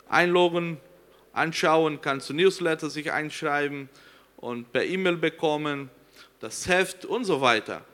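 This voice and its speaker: A Brazilian man, a native Portuguese speaker, speaks German with a Brazilian accent in a fairly high, slightly bright voice. He's a missionary presenting earnestly to a congregation, sometimes searching for words.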